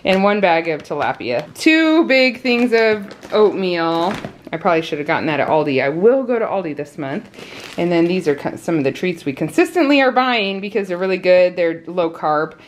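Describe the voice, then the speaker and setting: A woman's voice: fairly low pitch, very animated, normal speed. A woman in her thirties from the United States, a mother of a large family who chats and laughs often while showing her grocery haul at home. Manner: chatty, laughs often, talks while handling items. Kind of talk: casual grocery haul vlog. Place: indoors at home, kitchen.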